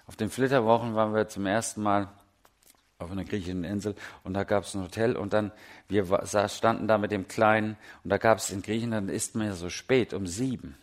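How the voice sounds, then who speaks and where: A middle-aged man from Germany preaching a sermon, telling stories with lively swings between loud and hushed delivery. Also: fairly low pitch, brisk. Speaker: pastor.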